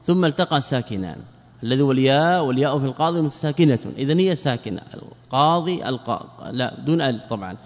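A man's voice: medium pitch, animated. Male teacher quizzing students, reverberant hall. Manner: quizzing students, drawn-out repeated words. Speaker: Islamic scholar teaching a class. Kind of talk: classroom lesson with questions to students.

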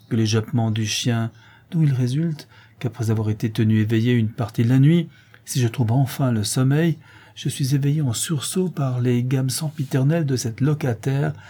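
A man reading aloud voices an irritable, gruff gentleman tenant who blusters impatiently. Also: medium pitch, close to an everyday voice.

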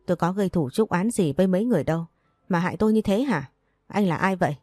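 A furious young wife, wronged and desperate, firing off accusations at high speed, as a woman reading the audiobook puts her on. The voice stays low and mellow under the anger, in a dry, close recording. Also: animated, no room sound, faint music behind. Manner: rapid, shouting accusations.

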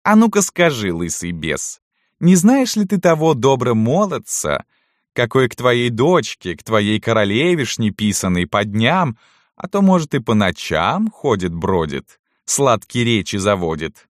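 Guy doing a nasty mocking noblewoman widow, high sneery sing-song, loud, dry close sound. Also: sing-song, measured pace, no echo. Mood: sneering. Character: cruel mocking noblewoman, middle-aged widow landowner.

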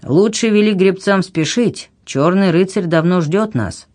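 A reader voicing a scheming, mocking Greek man who talks in a sly, hurried, wheedling way. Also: medium pitch, darkish tone, voice pushed up, close to an everyday voice.

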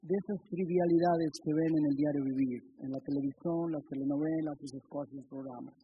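A middle-aged man preaching a sermon as pastor, swinging between loud emphatic bursts and quiet low asides. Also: fairly even intonation, a little fast, breathy edge, narrow, tinny audio.

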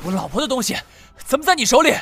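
A man's voice: very high-pitched, sing-song, racing, gravelly, soft background music, pitched above the performer's own voice, heavily acted. A man voicing a drunk, desperate young husband who wails and pleads through sobs in an audiobook. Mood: furious shouting. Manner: wailing, pleading, shouting. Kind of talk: audiobook character voice.

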